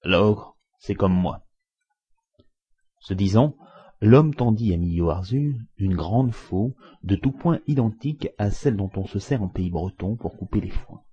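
A man narrating a story aloud in a measured, expressive reading. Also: lowish voice, husky. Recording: muffled lo-fi recording.

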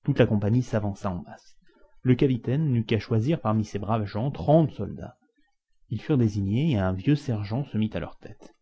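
Man with a low dark narrating voice. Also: moderate pace. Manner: dramatic, varied emphasis. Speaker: audiobook reader. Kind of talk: expressive scripted narration of a classic novel. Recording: dull lo-fi recording.

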